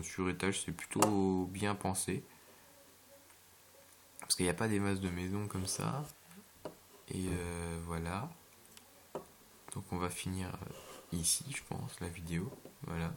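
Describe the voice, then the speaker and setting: A gameplay video maker with a low, gravelly voice gives casual, rambling commentary full of hesitations and jokey asides. It's recorded on a home computer mic with slight background noise.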